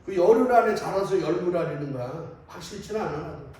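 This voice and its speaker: A priest gives a sermon in a relaxed, storytelling manner and often puts questions to the congregation. His voice is high for a man. He is picked up from a distance in a church with heavy echo. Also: brisk. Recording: echoey church from a distant mic.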